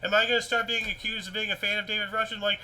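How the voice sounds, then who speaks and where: Racing along in a high, very sharp, forceful voice, the host of a weird-news talk show chats casually about the news. He alternates reading stories with rambling, animated commentary, often looping back and repeating words, and the audio is poor.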